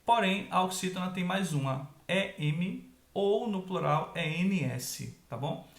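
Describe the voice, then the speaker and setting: A man teaching an online grammar lesson, explaining step by step and checking in with quick tag questions. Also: sits high, animated, creaky, roomy sound.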